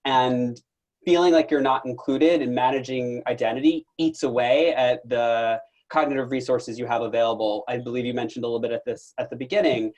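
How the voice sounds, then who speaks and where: A man speaking as a webinar panelist in a measured, analytical way. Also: mid-range voice, fairly even intonation, darkish tone, low-quality recording. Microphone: video call.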